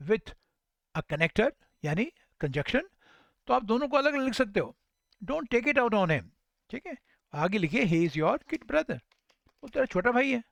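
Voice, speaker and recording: Male language teacher, high-ish voice, slow deliberate phrase modeling, dry recording. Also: a bit bright, dry recording. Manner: repeats English sentences slowly for learners to copy. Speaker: English teacher. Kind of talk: spoken language lesson.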